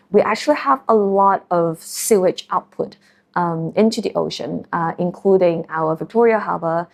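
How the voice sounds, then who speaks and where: This is a marine scientist and company founder from Hong Kong, a woman in her thirties, discussing her work in English with a Hong Kong accent. Measured and thoughtful for the documentary, she uses frequent ums and uhs in a fairly low, darkish voice with vocal fry.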